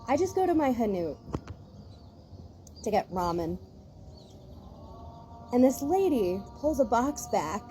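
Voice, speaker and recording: A woman's voice: on the high side, big pitch swings, slow, long pauses, warm tone, slight background noise. A woman vlogger in a casual rant, talking in a rambling, exasperated way with many restarts.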